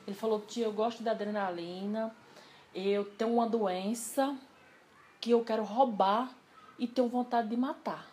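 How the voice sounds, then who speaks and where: A woman telling a personal story in a casual interview, animated and acting out the dialogue she quotes. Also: fairly high pitch, normal speed.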